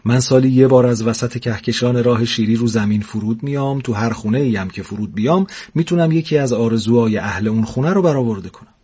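A man voicing a gentle young winged angel woman in a storybook reading, soft and calm. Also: medium pitch, husky, natural voice.

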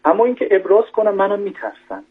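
A man's voice: high-pitched, very animated, husky. A man, a doctor, giving methodical parenting advice on a radio call-in and laying out numbered points. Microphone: telephone. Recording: tinny phone line on radio.

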